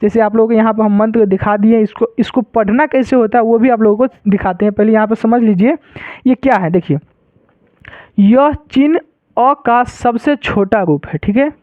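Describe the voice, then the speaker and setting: A man's voice: sits high, normal speed, dry recording. A man teaching a lesson, repeating points and often checking that students follow. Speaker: Sanskrit teacher. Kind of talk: classroom-style lesson explanation. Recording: dry, tinny phone-like sound.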